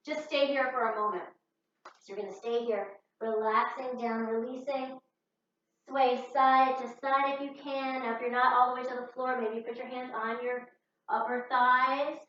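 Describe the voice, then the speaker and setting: A woman's voice: on the high side, a bit bright. A woman leading a yoga class as instructor, cueing movement and breath in short, soothing instructions. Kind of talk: guided exercise class instruction. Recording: echoey room, distant mic, muffled, faint noise.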